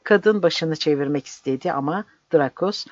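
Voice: medium pitch, moderate pace, dry recording. Dry, intense audiobook narrator. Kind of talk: dramatic literary narration. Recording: dry, slightly dull audiobook recording.

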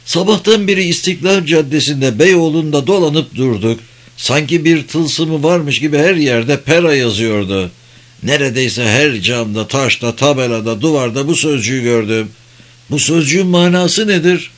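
A man's voice: on the high side, normal speed, pitched above the performer's own voice, natural voice. A man voicing a weary, curious male sidekick who asks his boss questions in a drowsy way. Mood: tired, curious.

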